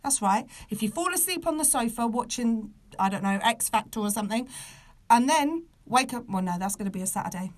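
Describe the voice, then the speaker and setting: A British woman of about thirty with soft R sounds, ranting casually and comically to a live online audience in an exasperated, emphatic, sweary manner. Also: fairly high pitch, expressive, brisk. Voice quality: soft, non-rolled R sounds. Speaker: podcast host.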